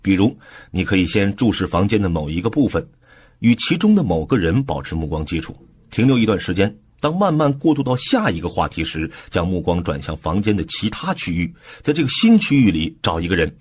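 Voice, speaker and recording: Male audiobook explainer, very breathy and husky, lively, easygoing delivery. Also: deep voice, brisk. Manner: relaxed explanatory, with soft filler particles. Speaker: audiobook book-summary narrator. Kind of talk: conversational book explanation.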